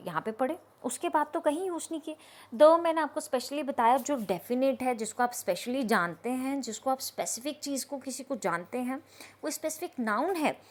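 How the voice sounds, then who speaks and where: A woman teacher, explaining grammar slowly and often checking that her students understand. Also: sits high. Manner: explains slowly, asks the class if they understood. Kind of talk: grammar lesson.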